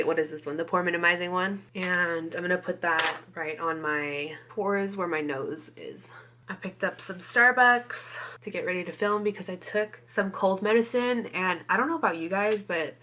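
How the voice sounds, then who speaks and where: A beauty vlogger does her makeup while chatting in a casual get-ready-with-me style, peppering her talk with "like" and "you guys". She's recovering from a cold and still a bit congested. Her voice is on the low side yet bright and forceful, with a little hiss or hum in the background.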